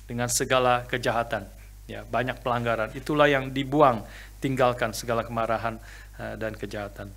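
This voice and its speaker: Male pastor preaching in church, bright sharp voice, lots of uh's, gets loud on key words. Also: mid-range voice, steady tone, fairly quick, vocal fry. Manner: emphatic preaching with many fillers and rising shouts. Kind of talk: sermon. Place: church sanctuary.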